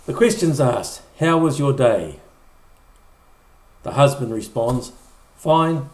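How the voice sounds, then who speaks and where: A man's voice: medium pitch, darkish tone. A middle-aged man preaching a conversational sermon, often repeating or restarting words and acting out short quoted lines. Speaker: pastor. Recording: echoey room.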